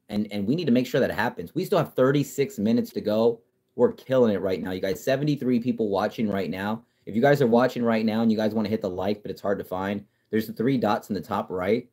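A man with a fairly low voice hosts a loose, casual livestream, reading out viewer comments. He swears freely and talks trash, stumbling over restarts as he goes. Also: husky. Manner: profane, excitable, trash-talking, frequent restarts. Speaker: livestream host. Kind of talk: casual live-stream chat reading comments.

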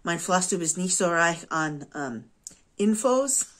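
A woman in her forties from the United States, a native English speaker with an American English accent in her German, chatting casually to camera and often pausing to search for words. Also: lowish voice, lively intonation, a bit bright, slight background noise. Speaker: craft vlogger. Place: living room at home, indoors.

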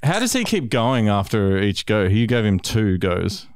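A man's voice: on the low side, sing-song, unhurried, noisy background. A man co-hosting a casual podcast, laughing often and questioning the rules. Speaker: podcast co-host.

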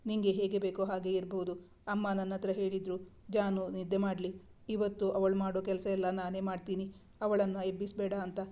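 A woman's voice: mid-range voice, flat delivery, brisk, dark tone, natural voice. A woman reading the lines of an affectionate, teasing young husband in a storybook romance, in a coaxing, playful way. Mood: soothing.

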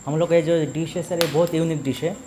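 A man's voice: on the high side, fairly even intonation, brisk, echoey room, loud music behind the voice. A man working at a restaurant, politely explaining a dish and addressing the listener as sir. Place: rooftop restaurant, outdoors.

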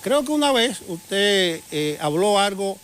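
Lively-voiced TV interviewer man. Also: high-pitched, slow. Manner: probing, conversational questioning. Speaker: TV interviewer host. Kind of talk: television interview questions.

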